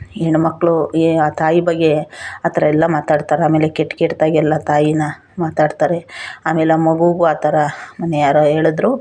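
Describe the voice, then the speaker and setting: A woman's voice: low voice, warm tone. A middle-aged woman vlogger with a rural Kannada accent, talking in an impassioned, pleading, repetitive way in an emotional monologue.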